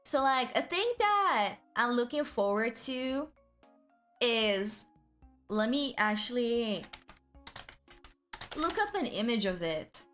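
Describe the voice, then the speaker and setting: High-voiced woman, cute anime streamer. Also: sing-song, takes it slowly, long pauses, a bit bright, faint music behind. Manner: rambling, frequent "like" asides. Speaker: VTuber livestream host. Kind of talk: casual livestream chat.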